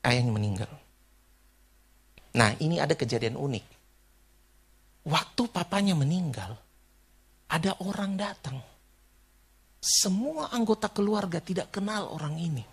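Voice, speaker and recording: A man from Indonesia preaching a sermon, an animated storyteller who imitates people and laughs along. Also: fairly high pitch, a little slow, vocal fry, long pauses, husky. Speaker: pastor.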